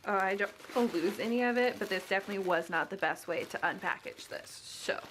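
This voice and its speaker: A woman's voice: mid-range voice, fast talker, fairly bright tone, slight background noise. A young woman with the hiccups hosting a casual cooking vlog, chatty, giggly and self-deprecating as she works. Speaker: cooking vlogger.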